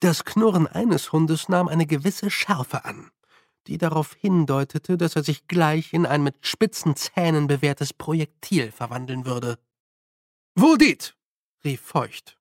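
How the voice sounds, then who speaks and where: A man narrating an audiobook in German with measured, wry storytelling. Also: on the high side, no echo, studio quality.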